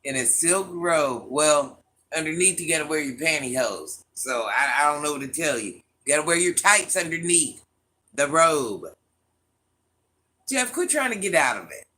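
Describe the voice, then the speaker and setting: A woman with a deep, sharp, expressive voice hosts a casual livestream at a moderate pace. She reads viewer comments aloud, teases people by name with a laugh, and calls herself Granny.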